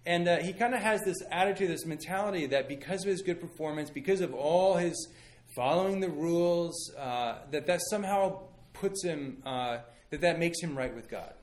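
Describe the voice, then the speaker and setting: A man's voice: fairly high pitch, moderate pace. Man preaching a casual, chatty sermon. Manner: conversational, storytelling with frequent fillers and restarts. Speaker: pastor.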